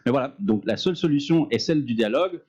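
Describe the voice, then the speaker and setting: A man speaking deliberately and emphatically as a panel analyst at a public conference, stretching key words. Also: mid-range voice, expressive, a little mellow, husky, lo-fi sound.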